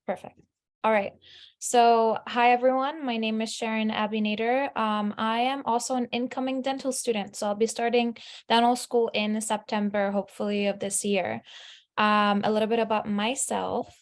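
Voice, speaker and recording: A woman's voice: a little high, flat delivery, normal speed. A woman in her twenties from Lebanon giving a chatty, upbeat presentation over a video call, with frequent fillers. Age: 20s. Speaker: student speaker.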